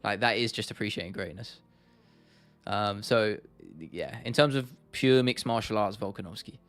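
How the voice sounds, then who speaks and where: A man's voice: on the low side, normal speed, a bit bright, dry recording. A man hosting a casual livestream, chatting informally and laddishly with viewers and repeating phrases for emphasis. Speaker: livestream host. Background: faint music, keyboard clicking.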